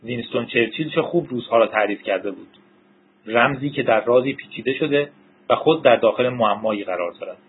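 A man's voice: medium pitch, breathy edge, close to an everyday voice. A man voicing a tense male general giving clipped reports, on a tinny narrow-band recording. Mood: weary.

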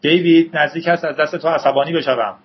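A man voicing an impatient middle-aged father who calls to his teenage son, in a husky voice, raised and insistent, on a dull lo-fi audiobook recording. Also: mid-range voice, lightly acted. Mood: calling impatiently.

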